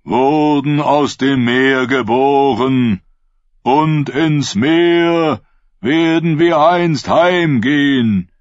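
A fervent prophet preaching slowly to his followers, as a male narrator puts him on. His voice is raised and solemn, each phrase drawn out. The audiobook recording is dry and dull. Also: mid-range voice, no room sound, pitched above the performer's own voice.

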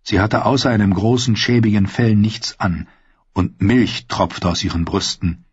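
A man reading scripted narration for an audiobook in a steady, measured way. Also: lowish voice, slightly rough, no room sound. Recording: slightly dull dry studio recording.

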